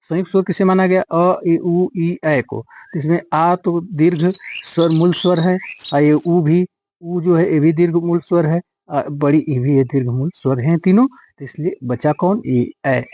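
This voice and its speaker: A man's voice: a little high, fairly even intonation, a little slow, warm tone. A man teaching an exam-prep grammar lesson, often repeating each question and answer and drawing out words for emphasis.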